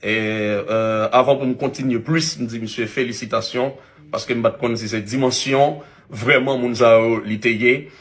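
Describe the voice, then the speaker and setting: A man with a Haitian accent, an influencer giving a halting public video apology with many restarts. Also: mid-range voice, steady tone.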